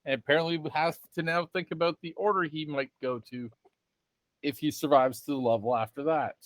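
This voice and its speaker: A man's voice: fairly high pitch, steady tone, fairly quick, a bit bright, no room sound. A man chatting informally and casually as a player on a tabletop role-playing show. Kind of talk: casual group chat.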